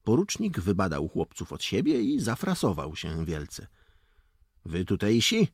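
A low, husky male voice reads an audiobook slowly and deliberately, with a widely swinging pitch. The sound is dry and close. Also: huge pitch swings, darkish tone, no echo. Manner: slow, deliberate reading that acts out the dialogue. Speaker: narrator. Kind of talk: audiobook narration with footnotes.

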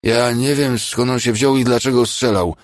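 A man's voice: mid-range voice, wildly swooping pitch, normal speed, creaky, husky, no room sound, studio quality, voice pushed up, heavily acted. A man voicing a frightened, wounded young man who pleads and slurs in an audiobook. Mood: pleading.

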